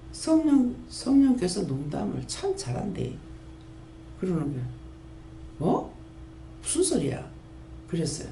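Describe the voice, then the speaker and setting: A woman in her fifties, pastor of a prayer house, gives an earnest sermon testimony in a Gyeongsang Korean accent, telling stories with lively pitch swings and a touch of vocal fry. The room is echoey with faint ambience and slight background noise.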